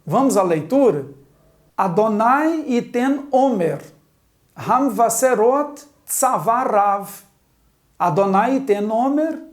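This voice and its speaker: A woman's voice: fairly high pitch, darkish tone. A woman teaching a Biblical Hebrew grammar lesson at a chalkboard, methodically spelling out letters and vowels one by one. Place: classroom with a chalkboard.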